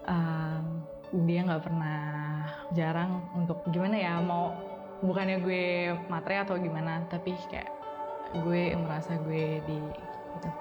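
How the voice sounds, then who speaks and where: A woman in her late teens tells a personal story in a casual, hesitant way, often pausing to find her words. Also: lowish voice, level tone, muffled recording, over loud music. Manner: hesitant, thinking aloud with many fillers. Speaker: interviewee.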